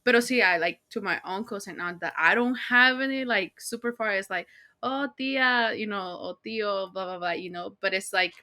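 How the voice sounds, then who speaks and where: A woman's voice: mid-range voice, a little fast, hardly any pauses, bright, forceful tone. A woman hosting a podcast, chatting casually and laughing readily as she mixes English and Spanish. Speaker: podcast host. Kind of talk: casual conversational interview.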